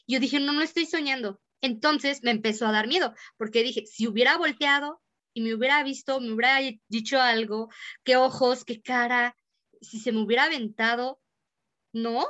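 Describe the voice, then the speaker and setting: A woman's voice: a little high, moderate pace. A young woman with a Mexican accent, chatting casually and telling a story, acting out what people said. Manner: lively storyteller acting out quoted speech.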